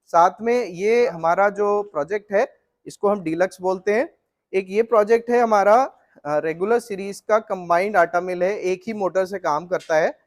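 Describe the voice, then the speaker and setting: A middle-aged man with a fairly high voice walks through flour mill machinery for the viewer. He explains each part in a steady, technical way. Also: normal speed. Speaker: flour mill equipment seller. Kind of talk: explanatory product walkthrough.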